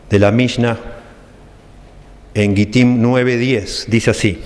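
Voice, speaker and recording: Rioplatense guy preaching, explains slow and careful, mid voice, big echoey church hall. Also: medium pitch, darkish tone. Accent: Rioplatense Spanish. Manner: explanatory, reads texts aloud slowly and stresses phrases. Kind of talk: church teaching sermon.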